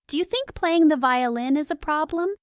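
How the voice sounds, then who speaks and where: A woman reading the lines of an eccentric young male detective in a calm, precise, matter-of-fact way. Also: high voice, normal speed, dry recording, studio quality, voice pushed up, natural voice.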